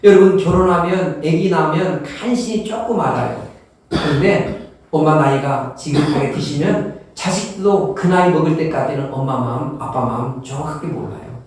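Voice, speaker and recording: A man's voice: fairly high pitch, normal speed, darkish tone. A man preaching a sermon as a pastor, in a folksy, humorous way, often acting out everyday people in quoted dialogue. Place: church sanctuary. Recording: very echoey church from a distance.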